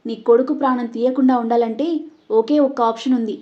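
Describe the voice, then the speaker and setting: A woman voicing a cold young man bent on revenge, speaking gravely and seriously. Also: a little high, steady tone, brisk, dark tone, muffled recording, lightly acted. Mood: menacing.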